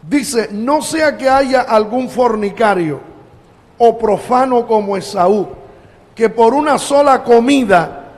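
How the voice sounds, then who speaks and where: High-voiced preacher man in a reverberant church. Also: expressive, slow, darkish tone. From Colombia. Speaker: pastor. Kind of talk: sermon. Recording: long church hall reverb.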